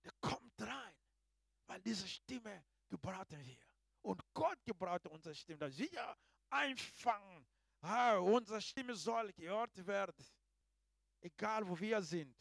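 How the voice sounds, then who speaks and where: A man preaching a sermon in a halting way, swinging between hushed asides and loud exclamations. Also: sits high, animated, gravelly, no echo, studio quality.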